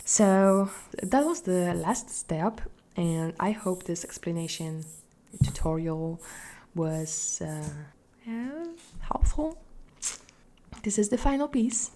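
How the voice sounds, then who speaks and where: A young woman with a Polish accent, talking casually through a drawing tutorial, hesitant and repeating words, sometimes dropping into soft whispers. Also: fairly low pitch, lively intonation, takes it slowly. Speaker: art tutorial host.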